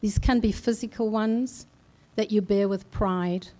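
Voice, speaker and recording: An older woman from South Africa giving a slow, deliberate personal speech at a conference, with measured, solemn pauses. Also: mid-range voice, steady tone, mellow. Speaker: conference speaker. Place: large conference hall.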